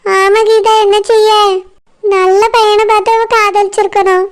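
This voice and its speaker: A humble, kind pregnant village woman from a cartoon, voiced by a woman, speaking with a Kanyakumari Tamil accent. She talks softly and modestly. Her voice is pitched very high. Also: little pitch movement, a little slow. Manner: soft, modest.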